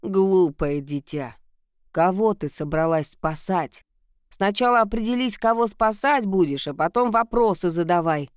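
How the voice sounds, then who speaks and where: A woman doing a gruff old witch fortune-teller. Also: fairly low pitch, animated, dry recording, clean studio sound. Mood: grumbling. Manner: gruff, slow and mocking.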